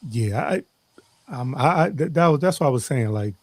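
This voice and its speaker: A man co-hosting a casual live stream, talking in a rambling, halting way with many restarts. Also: mid-range voice, animated, no room sound. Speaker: stream co-host.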